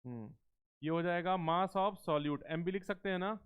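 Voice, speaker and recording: A man teaching chemistry in a live class, coaxing students with questions and slowing down to dictate terms word by word. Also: sits high, clean tone. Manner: coaxing, keeps asking students questions and calls them beta. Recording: tinny phone-like lecture recording.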